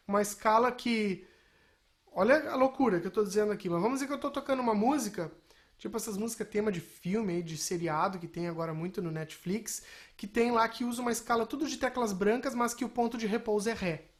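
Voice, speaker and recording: A woman with a somewhat high voice gives an informal spoken software lesson, explaining things like a music technology instructor demonstrating a program. She frequently tacks on short tag questions to make sure listeners are keeping up.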